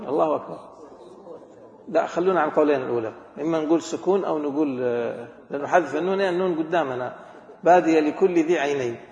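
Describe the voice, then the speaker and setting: A man teaching a grammar class, quizzing students and slowly repeating words. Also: a little high, a little mellow. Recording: echoey hall, dull lo-fi recording.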